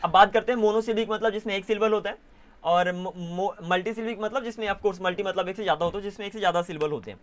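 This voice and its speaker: A young man teaching an online English class in a casual way, often pausing to correct himself. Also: high voice. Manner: casual, self-correcting, mixes Hindi and English.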